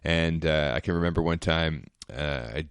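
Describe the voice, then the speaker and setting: A former pro football player telling stories in a rambling, laid-back way, with lots of fillers. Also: male voice, extremely low pitch, normal speed, clean tone, no room sound. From Canada. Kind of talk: casual storytelling chat.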